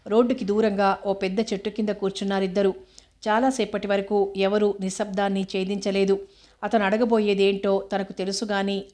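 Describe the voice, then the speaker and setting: A woman narrating a novel in a steady, even storytelling manner. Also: mid-range voice. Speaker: audiobook narrator.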